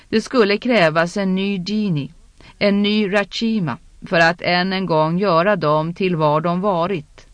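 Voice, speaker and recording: An audiobook narrator reading a fantasy novel in a measured, even scripted narration. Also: medium pitch, clear, resonant tone, dry recording.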